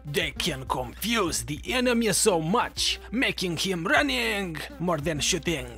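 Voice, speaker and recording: A man's voice: sits high, very animated, a little slow, pushed and bright. A man with a Russian accent narrating video game tips in a jokey, mock-instructive way. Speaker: gaming video creator giving tips. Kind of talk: scripted tutorial narration over gameplay. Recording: music behind the voice. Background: background music.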